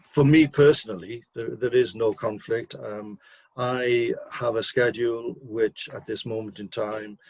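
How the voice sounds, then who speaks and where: An older man, a managing director, answering interview questions in a measured, hesitant way, clearing his throat between points. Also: mid-range voice, steady tone, a little hiss or hum, low-quality recording.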